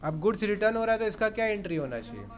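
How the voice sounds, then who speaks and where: A man's voice: high voice, very animated, very fast, a little hiss or hum. A man teaching an accounts class in Hindi, often questioning and coaxing his students, with terms. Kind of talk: classroom lecture.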